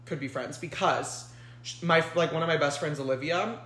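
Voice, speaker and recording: Young woman podcast co-host, New York accent, lowish voice, filler-heavy chatter, roomy echo. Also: normal speed, fairly bright tone. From New Orleans. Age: young adult. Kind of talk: casual chat. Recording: roomy echoey room.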